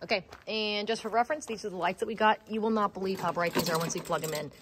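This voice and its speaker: A chatty, teasing woman narrates from behind a handheld phone camera, her voice sitting at an everyday middle pitch. She is inside a big open pole barn, with steady noise, clicks and a vehicle rumbling behind her. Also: fast talker. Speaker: vlogger filming her husband's barn work.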